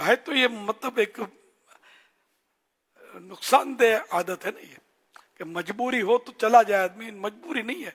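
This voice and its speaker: A man giving an earnest religious teaching in short, admonishing phrases with pauses, as a scholar answering questions. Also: high-pitched, breathy edge. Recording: long hall reverb.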